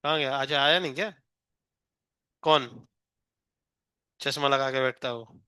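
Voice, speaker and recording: A man's voice: medium pitch, measured pace, bright, forceful tone, clear, resonant tone, no echo, studio quality. A male physics teacher in a live class, teasing and coaxing a shy student to answer, counting aloud to three.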